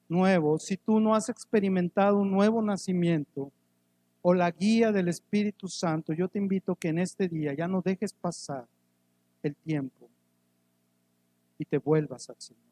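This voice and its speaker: A man preaching a sermon as pastor, swinging from loud emphatic rises to soft quiet drops, asking the congregation questions, with touches of humor. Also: high voice. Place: church.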